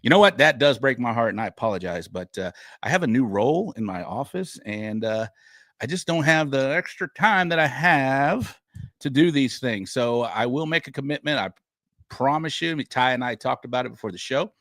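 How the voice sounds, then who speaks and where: A man's voice: medium pitch, lively intonation, moderate pace, a bit bright, no room sound, clean studio sound. A man hosting a live show in casual, informal chat, earnest and a little hesitant. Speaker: podcast host.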